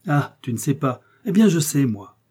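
A man's voice: mid-range voice, normal speed, mellow, slightly rough, lightly acted. A man reading aloud and voicing a pompous, fussy village apothecary in an indignant rant. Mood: accusing. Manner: indignant ranting tirade, exclamatory.

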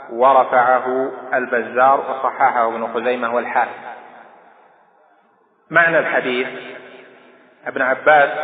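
A man teaching a lesson on a hadith, explaining terms slowly and deliberately with drawn-out pauses. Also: medium pitch. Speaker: Islamic scholar teaching hadith. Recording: tinny, echoey old lecture recording.

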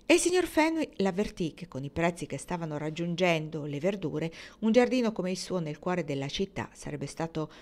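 A woman reading a historical novel aloud in a calm, measured storytelling manner. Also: on the low side. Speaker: audiobook reader.

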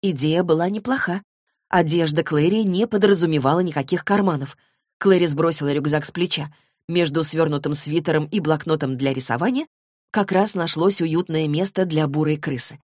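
A woman narrating an audiobook in an even, measured storytelling manner. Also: deep voice, dry recording, studio quality. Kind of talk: scripted narration.

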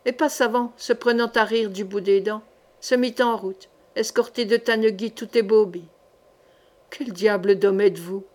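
A woman reading a historical novel aloud with measured, even narration. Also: on the high side. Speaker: audiobook reader.

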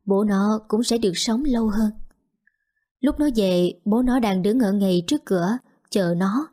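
A woman narrating an audio story in a calm, even storytelling manner. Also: mid-range voice, unhurried.

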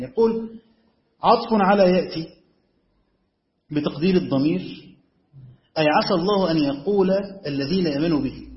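A man with an Egyptian Arabic accent teaching as a sheikh, explaining a text step by step and often checking whether his students follow. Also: a little high. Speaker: sheikh teaching Quran commentary. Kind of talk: classroom lecture on a text. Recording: echoey room, dull lo-fi sound.

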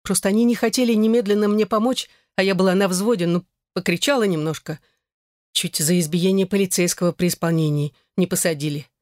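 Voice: mid-range voice, steady tone, fairly quick, darkish tone, no echo, clean studio sound, close to an everyday voice. A reader voicing a distraught young mother. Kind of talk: audiobook character reading.

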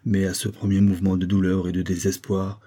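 A man narrates a nineteenth-century style novel as an audiobook. His voice is low and dark, with a husky edge. He tells the story in a steady, measured way. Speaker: audiobook reader.

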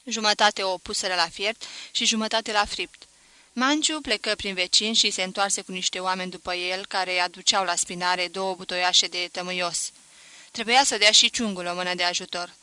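Bright-voiced woman reading a novel. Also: medium pitch, clear, resonant tone, dry recording. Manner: measured, expressive storytelling. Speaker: audiobook reader. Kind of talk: literary reading.

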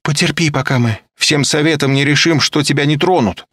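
A man's voice: fairly high pitch, fairly quick, a bit bright, no echo, clean studio sound, voice pushed up. A man reading an audiobook, voicing a nervous, frail young woman who screams her pleas. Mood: insistent. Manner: screaming pleas at full force. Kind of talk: audiobook character voice.

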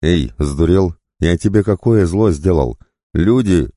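Man playing a wily male rogue for an audiobook, higher and teasing, fake-cheerful, very dry close sound. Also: lively intonation, normal speed, dark tone, no room sound. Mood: jaunty teasing.

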